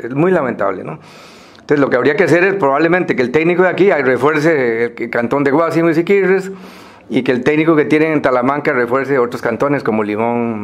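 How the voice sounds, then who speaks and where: A Costa Rican man speaking semi-formally to a group, explaining things in a halting way with pauses and repeated words. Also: a little high.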